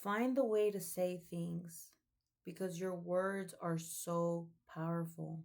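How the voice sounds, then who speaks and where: Earnest low-voiced young woman. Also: fairly even intonation, takes it slowly, gravelly, a little mellow. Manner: earnest, preachy, with frequent "like" and "um". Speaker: vlogger. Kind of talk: casual motivational talk.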